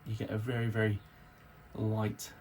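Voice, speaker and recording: A model railway enthusiast does a laid-back unboxing and test run of a locomotive, his rather low, monotone voice a little mellow but croaky from hay fever and lack of sleep. He's chatty, repeats words of praise, and fills gaps with plenty of ums, against slight background noise.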